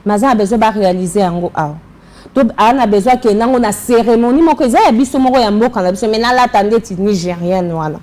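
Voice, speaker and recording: A woman speaking French with a Congolese accent, her voice mellow and soft-edged, at an ordinary middle pitch. She answers as a fashion designer in a relaxed interview, moving between French and Lingala and pausing to find her words.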